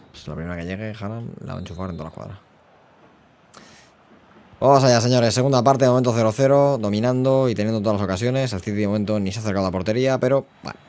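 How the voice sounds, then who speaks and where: A man, a gaming YouTuber commentating his own video game match, excitable and quick to swing between muttered asides and shouted play-by-play. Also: fairly low pitch.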